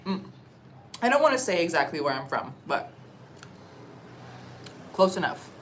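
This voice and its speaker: A young woman from Canada chatting casually on a livestream while eating, answering comments in a relaxed, chatty way with little murmurs of enjoyment. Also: lowish voice, unhurried, a little hiss or hum, poor audio. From Canada (Ontario). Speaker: livestream vlogger. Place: outdoors or open space in a warm country.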